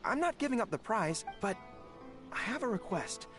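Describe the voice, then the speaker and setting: Woman as young male general, boyish, hesitant, polite, animated, game music behind. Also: medium pitch, moderate pace, close to an everyday voice. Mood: earnest. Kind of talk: video game character acting.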